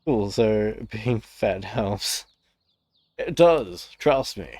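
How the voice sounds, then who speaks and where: A man's voice: on the low side, lively intonation, very slow, darkish tone. A man chatting casually and telling stories as a streamer, blunt and sweary in slangy language. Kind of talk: casual chat, storytelling to stream viewers.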